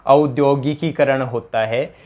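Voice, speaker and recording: A man's voice: medium pitch, steady tone, slow, dark tone. A man with a Rajasthani accent teaching an exam-prep grammar lesson, drilling each answer by asking the question again and addressing his students as companions.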